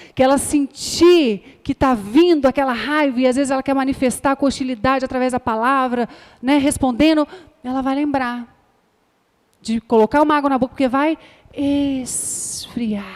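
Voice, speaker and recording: A woman with a high voice is teaching a class. She coaxes gently as she explains, and her words ring out with a long reverb, as if in a large echoing room. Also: brisk. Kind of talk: classroom lecture.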